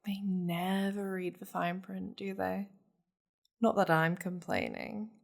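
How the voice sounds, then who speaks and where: Smug and seductive, a woman with a mid-range voice plays a mighty demon lady in a close ASMR roleplay. She lingers slowly over her words, her vocal fry giving way to breathy half-whispers, all teasing and possessiveness toward her pet.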